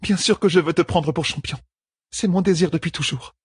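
A man's voice: a little fast, slightly rough, no echo, clean studio sound. A man putting on a fierce anguished young sorceress. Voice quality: raised pitch, cries out urgently. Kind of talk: audiobook character voice.

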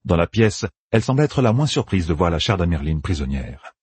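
A man reading a fantasy novel aloud as audiobook narrator, expressive and voicing each character. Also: low-pitched, brisk, slightly rough, no echo.

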